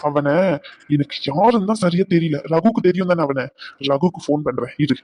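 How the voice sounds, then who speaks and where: A man's voice: on the high side, expressive, brisk, darkish tone, no room sound. A man voicing a blunt young man in a cartoon who scolds a crying woman. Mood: stern. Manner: blunt, lecturing. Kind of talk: cartoon voice acting.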